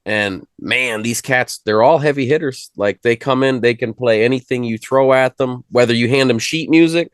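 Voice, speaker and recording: A man's voice: medium pitch, moderate pace, hardly any pauses, clear, resonant tone, no echo, clean studio sound. A man hosting a casual music chat, loose and profane, trailing off and restarting his thoughts. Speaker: host.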